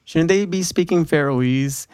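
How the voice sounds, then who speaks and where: A man's voice: a little high, unhurried, darkish tone, clean tone, dry recording. A man from California, hosting a casual, joking radio chat in a studio. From Southern California. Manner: jokey, playful teasing. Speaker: radio host.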